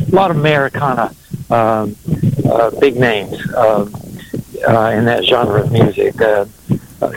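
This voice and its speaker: A man's voice: medium pitch, a little hiss or hum, poor audio. A middle-aged man from North Carolina, telling his story in a rambling, hesitant way as an interview guest. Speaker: singer-songwriter, interview guest.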